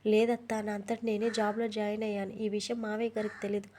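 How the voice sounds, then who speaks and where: A woman's voice: medium pitch, flat delivery, fast talker, warm tone, slight background noise, close to an everyday voice. A woman doing a stubborn young wife pleading. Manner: pleading, earnest.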